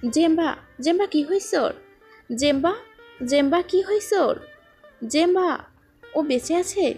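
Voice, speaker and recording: A woman's voice: high voice, animated, normal speed, a little mellow, faint music behind. A woman voicing a desperate young wife who wails and pleads. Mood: frantic pleading. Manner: frantic, wailing and pleading.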